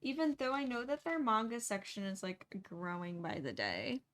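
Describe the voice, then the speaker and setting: A woman's voice: fairly high pitch, wildly swooping pitch, normal speed, fairly bright tone. A young woman chatting casually and a little sleepily as she paints, rambling and laughing often. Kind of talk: casual chat while painting.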